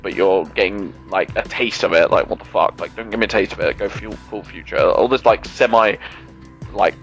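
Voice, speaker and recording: A young man hosting a gaming channel, chatting casually over gameplay in animated, rambling rants full of swearing and filler words. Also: on the low side.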